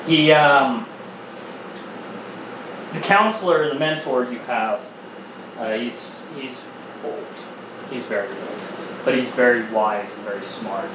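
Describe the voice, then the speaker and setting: A man narrating a tabletop game as game master, pausing often to search for words, recorded on a distant mic in a roomy, noisy space. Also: medium pitch. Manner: hesitant, many fillers and restarts.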